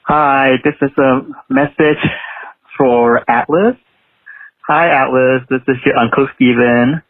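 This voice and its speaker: A man leaving an unhurried, affectionate voicemail message, heard over a landline phone. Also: medium pitch, steady tone, no echo. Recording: tinny phone line voicemail.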